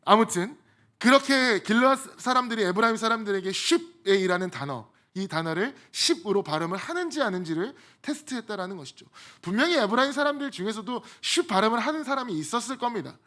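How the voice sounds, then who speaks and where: A man's voice: sits high, animated, fast talker, pushed and bright. A male pastor delivering a sermon in a conversational way, mixing in humorous personal asides.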